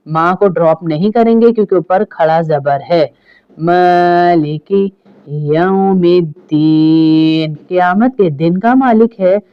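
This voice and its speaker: A woman teaching recitation step by step, chanting the verses slowly and drawn out, then explaining each point briskly with rising emphasis. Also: mid-range voice, clean tone, highs cut off. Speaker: religious teacher.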